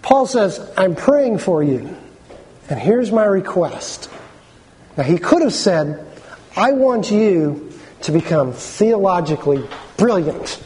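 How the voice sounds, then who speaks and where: A man preaching to a congregation, engaging them with questions and call-and-response, slowing down to stress key phrases. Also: sits high, sing-song, mellow, rough recording. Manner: engaging, asks the congregation to repeat lines. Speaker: pastor. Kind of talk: interactive sermon.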